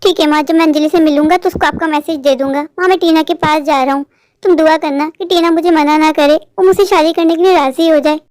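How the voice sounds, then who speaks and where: A woman's voice: sits high, fairly even intonation, fairly quick, darkish tone, no echo, natural voice. A woman voicing an eager, lovestruck young male crow in a cartoon, speaking in a pleading way. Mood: anxious. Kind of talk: cartoon voice acting.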